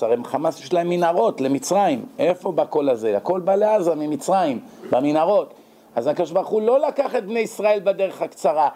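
A man's voice: sits high, dark tone. A man giving a Torah lecture, telling stories animatedly and firing rhetorical questions.

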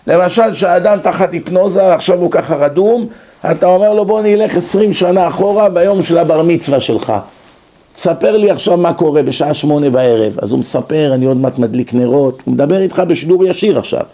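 A man with a slightly high, gravelly voice and a dark, mellow tone gives a lecture. He tells stories and acts out the people in them, shifting his voice for each quoted line. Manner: storytelling, acts out quoted dialogue with shifts in pitch. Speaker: religious lecturer. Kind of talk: lecture on the mind and soul.

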